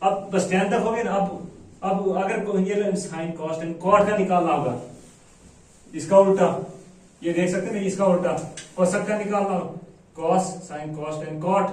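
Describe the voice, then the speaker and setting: A man with a fairly high voice explains a math lesson at an unhurried pace. He repeats each step and checks that his students are following. He sounds set back from the mic in a strongly echoing room. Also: a little mellow. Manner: slow, repetitive explaining with frequent checks for understanding. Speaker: teacher. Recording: echoey room, voice from a distance.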